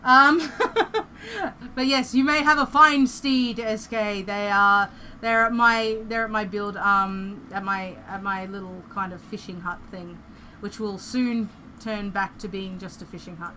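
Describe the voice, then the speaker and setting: A woman's voice: medium pitch, fairly even intonation, a little slow, bright, forceful tone, a little hiss or hum, poor audio. A young Australian woman chatting casually and playfully as she streams a building game, rambling through her thoughts.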